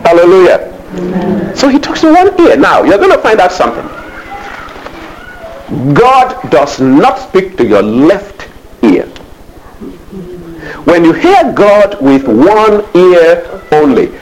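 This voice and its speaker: A man's voice: sits high, sing-song, takes it slowly, long pauses, a little hiss or hum, low-quality recording. A man preaching a sermon as pastor. He calls out to the congregation, asks them questions and often adds hallelujahs. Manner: call-and-response preaching, frequent hallelujahs.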